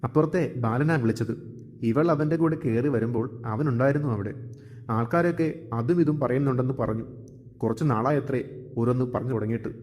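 A man's voice: mid-range voice, fairly quick, a little mellow, lightly acted. A man voicing an older father who is stern but regretful and speaks plainly. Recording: long hall reverb.

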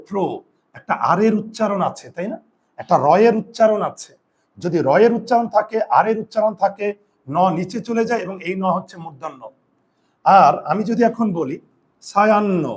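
A male teacher with a fairly high voice leads a spelling lesson for his students. He repeats each rule several times. He asks the class questions and then answers them himself. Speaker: Bengali grammar teacher.

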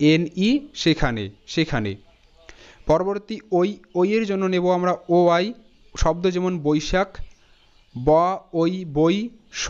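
Male teacher, smooth higher voice, methodical letter-by-letter spelling, lo-fi recording. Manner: slow, spells words out letter by letter. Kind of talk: spelling lesson. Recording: dull lo-fi sound.

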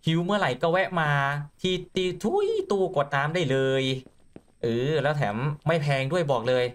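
A young man runs a horror game let's play with excitable, jumpy commentary. His voice sits somewhat high, and when something startles him he stammers and repeats words in quick bursts. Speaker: gaming YouTuber.

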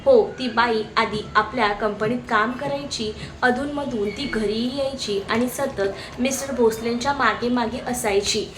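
Brief: bitter young husband in a storybook, read by a woman, high voice, quiet delivery. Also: a little hiss or hum, natural voice.

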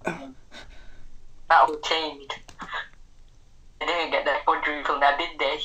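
Male co-host, sharp bright tone, short blunt replies, casual football talk. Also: fairly high pitch, little pitch movement, slow, rough recording. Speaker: podcast co-host.

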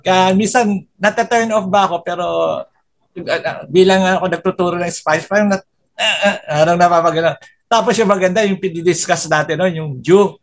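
A man's voice: sits high, steady tone, brisk. An older man, a Spanish professor, explaining words patiently in a casual chat. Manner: explains patiently and repeats points.

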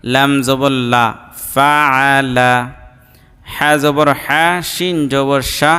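Male reading teacher, very slow and deliberate, crisp diction, letter-by-letter drilling, reverberant hall sound. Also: medium pitch, steady tone, pushed and bright. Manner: spells each letter and vowel slowly, then joins syllables. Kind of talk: slow drilled recitation lesson.

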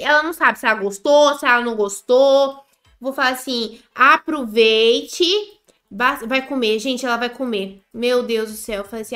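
A woman with a Brazilian Portuguese accent giving chatty, excitable commentary on a game she is playing, often talking straight to her viewers. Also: high-pitched. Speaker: gaming YouTuber. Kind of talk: Roblox gameplay commentary.

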